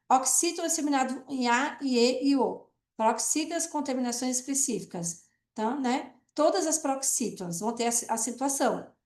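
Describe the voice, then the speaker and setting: A woman lecturing as a teacher, her voice high and bright above the usual. She explains step by step, often pausing to check that her listeners follow. The sound is roomy, with a clear echo around her. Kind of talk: online class lecture.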